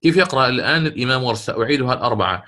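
A man's voice: mid-range voice, lively intonation, rapid-fire, sharp tone. A middle-aged sheikh teaching Quran recitation rules in a classroom lecture, explaining step by step, repeating key words and quizzing his students.

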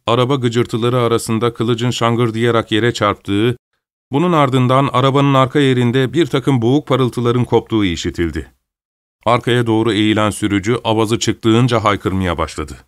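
A man reading a story aloud as narrator in a steady, measured manner. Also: medium pitch, clear, resonant tone, dry recording, studio quality. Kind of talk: scripted narration.

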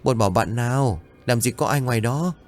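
A man's voice: mid-range voice, fairly quick, darkish tone, faint music behind, lightly acted. A man voicing an elderly village grandmother who scolds her grandson and cries out for help. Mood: stern. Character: elderly village grandmother, stern then frantic.

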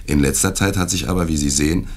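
A man's voice: rumbling low, fast. A man reading the part of a suave, evasive asylum director in a dramatic reading of a classic tale. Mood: smooth. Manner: smooth, insistent, courteous yet brusque when crossed.

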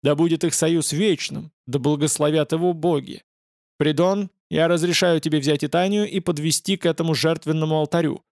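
Sorcerer-priest, voiced by a male reader: ceremonial, unhurried, a touch high and gravelly. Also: steady tone, darkish tone, dry recording, clean studio sound. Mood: solemn. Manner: slow, ceremonial proclamation. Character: great male sorcerer-priest, solemn and commanding.

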